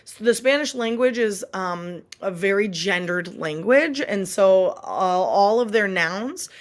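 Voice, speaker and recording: A woman's voice: medium pitch, expressive, unhurried. A woman who is a Spanish teacher and a mother, speaking in a recorded online lesson and patiently repeating example words. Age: adult.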